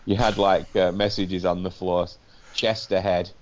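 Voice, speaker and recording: A man's voice: low-pitched, flat delivery, unhurried, background noise. A British man co-hosting a podcast, telling casual, sweary anecdotes about gaming. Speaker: podcast co-host. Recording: dull lo-fi podcast audio.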